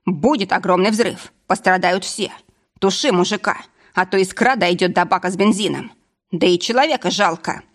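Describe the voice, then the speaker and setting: Woman reading a wry, calm male driver. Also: on the low side, moderate pace, lightly acted. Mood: level. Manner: dry, matter-of-fact.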